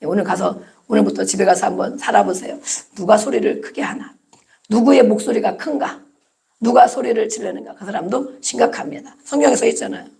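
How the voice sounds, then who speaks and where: Give me a woman pastor with a heavily gravelly voice, preaching emphatically with call-and-response amens. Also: mid-range voice, brisk, warm tone. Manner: preaching with frequent calls of amen and rhetorical questions; repetitive, emphatic phrasing. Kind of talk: Sunday sermon.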